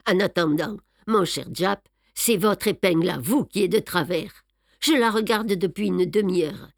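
A woman reading an audiobook, voicing a fussy, precise middle-aged male detective who speaks crisply and teases. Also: medium pitch, normal speed, no echo, clean studio sound. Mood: teasing, fastidious. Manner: crisp, teasing, orderly. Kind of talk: audiobook character voice.

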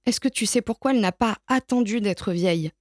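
A woman's voice: mid-range voice, brisk, dry recording, studio quality, pitched above the performer's own voice, lightly acted. A woman voicing a grieving little girl in a storybook, with a raised, pleading voice. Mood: questioning.

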